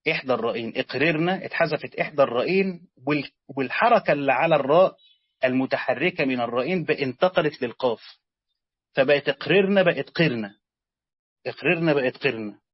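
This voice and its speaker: A man's voice: fairly high pitch, slightly rough, no echo. Egyptian man teaching step by step. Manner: explains step by step, repeats words, quizzes students. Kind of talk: classroom lesson on Quranic grammar. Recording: dull lo-fi sound, dry.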